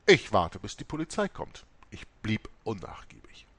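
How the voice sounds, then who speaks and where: A man reading a first-person memoir aloud, telling it in a dramatic, expressive way. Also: fairly low pitch, normal speed. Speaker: audiobook reader.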